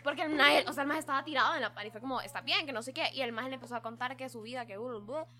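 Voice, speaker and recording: A woman's voice: sits high, rapid-fire. A young woman, telling stories bluntly and with energy in a casual group chat. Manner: blunt, animated storyteller. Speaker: podcast co-host.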